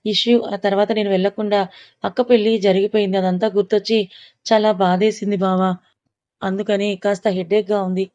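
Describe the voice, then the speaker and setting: A woman's voice: medium pitch, level tone, fairly quick, a little mellow, dry recording, natural voice. A woman voicing a remorseful young woman, a younger sister, in a storybook. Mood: rueful. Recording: dull lo-fi recording.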